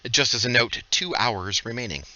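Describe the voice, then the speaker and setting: A man's voice: mid-range voice, normal speed, sharp tone, no room sound, highs cut off. A man running a tabletop game as game master, narrating and ruling on the players' actions.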